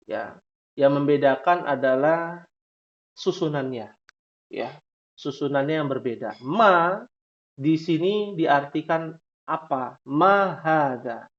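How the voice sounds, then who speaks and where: A man teaching a class, asking questions slowly and tagging many lines with "ya". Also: a little high. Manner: drawn-out questioning, frequent "ya" tags. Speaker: Arabic teacher. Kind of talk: classroom lesson. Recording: dull lo-fi recording.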